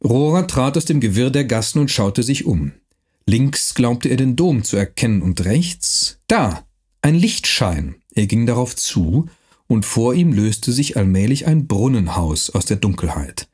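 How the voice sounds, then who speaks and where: A man narrating a historical novel in a measured storytelling manner. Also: medium pitch, very animated, a little mellow, breathy edge. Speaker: audiobook narrator.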